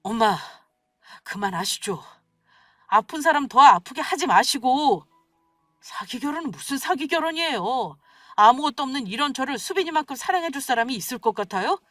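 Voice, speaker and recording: A woman's voice: sits high, expressive, moderate pace, a bit bright, no room sound, studio quality, soft background music, pitched above the performer's own voice. A woman voicing an earnest, protective young husband in a radio story, speaking firmly and defensively. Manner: firm, pleading, defensive. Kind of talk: scripted radio story acting.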